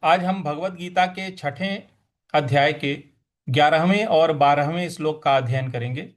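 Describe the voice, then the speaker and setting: A man teaching the recitation of Sanskrit verses, chanting each line slowly and then explaining the pronunciation. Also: fairly high pitch. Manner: slow chanting of verses between quick spoken explanations.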